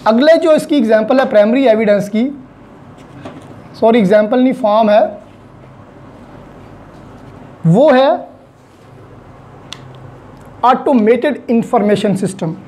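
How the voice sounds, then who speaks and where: This Pakistani-accented law lecturer has a very high voice and talks slowly, leaving long pauses. His manner stays mellow and easygoing as he builds explanations gradually with examples, raising questions only to answer them. He blends English words and phrases into what he says.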